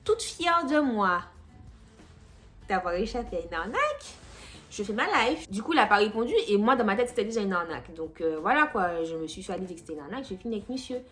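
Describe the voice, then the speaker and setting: A young woman vlogger telling a story in an animated, sassy way, acting out the people in it. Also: medium pitch, a little fast, soft background music. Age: young adult. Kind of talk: story time vlog.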